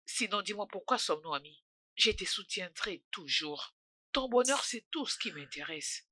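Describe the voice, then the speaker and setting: A woman's voice: mid-range voice, lively intonation, normal speed, sharp tone, dry recording. An actress dubbing a loyal female friend who soothes and encourages. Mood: comforting. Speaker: supportive friend. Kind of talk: French dub of a film.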